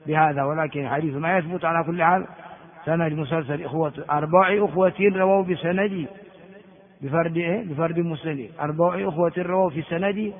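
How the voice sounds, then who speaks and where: An older man teaching as a sheikh, reading hadith texts and explaining them slowly in a lecture. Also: a little high. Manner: explains slowly, reads then comments. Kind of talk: classroom lecture commentary. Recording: tinny phone-like sound in a large reverberant hall.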